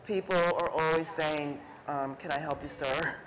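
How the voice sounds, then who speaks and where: On an indoor stage at an art fair talk, a middle-aged woman artist on a panel chats casually about her photography before an audience, with many fillers and restarts, acting out quoted remarks. Her voice is low and unhurried, and the low-quality recording has a little hiss or hum.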